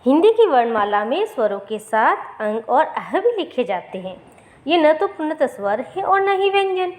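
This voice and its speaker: A woman teacher gives a recorded grammar lesson to young pupils, asking questions and then answering them herself and repeating each word slowly. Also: high voice, big pitch swings. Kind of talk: recorded Hindi grammar lesson for fourth graders.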